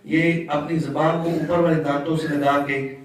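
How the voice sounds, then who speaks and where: A man's voice: a little high, flat delivery. A man teaching a classroom lesson on letter pronunciation, patiently drilling sounds aloud and chanting them for students to repeat. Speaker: Quran recitation teacher. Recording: echoey room, mic far off.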